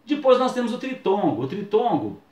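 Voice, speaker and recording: A man's voice: sits high, huge pitch swings, a little fast, a little mellow, reverberant. A man, teaching a video lesson and drawing out key words for emphasis.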